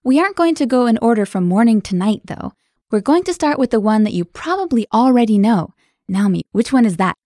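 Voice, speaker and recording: Woman lesson co-host, upbeat and clear, slightly high voice, dry studio sound. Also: animated, a little fast, mellow, dry recording. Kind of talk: scripted podcast lesson.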